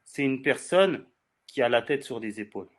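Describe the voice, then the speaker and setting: A man's voice: medium pitch, expressive, moderate pace. Insistent forty-year-old French man debating. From France. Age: 40s. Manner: insistent, repeats phrases, talks over others. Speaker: debate guest. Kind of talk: heated debate.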